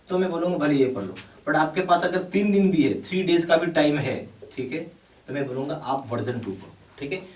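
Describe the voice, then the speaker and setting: A man teaching as a bank exam coach, laying out a course and urging students on, often checking in with "okay". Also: a little high. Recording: echoey room, mic at a distance.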